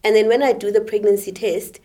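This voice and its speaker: A young woman co-hosting a podcast from South Africa, speaking in a measured, reflective way in short halting phrases. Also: medium pitch, steady tone, mellow. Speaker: podcast co-host. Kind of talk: candid conversation.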